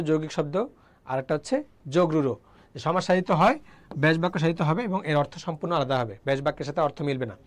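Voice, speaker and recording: A man with a Bangladeshi Bengali accent teaching a live online exam-solution lesson, quizzing viewers, repeating answers and urging them to comment. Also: on the high side. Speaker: admission test tutor.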